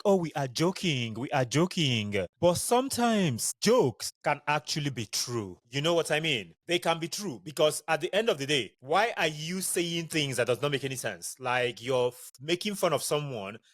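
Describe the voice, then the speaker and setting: A man's voice: fairly high pitch, no echo. Candid Nigerian man telling stories, dry sound. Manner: chatty, digressive, candid and expressive. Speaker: podcast host. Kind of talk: casual personal storytelling monologue.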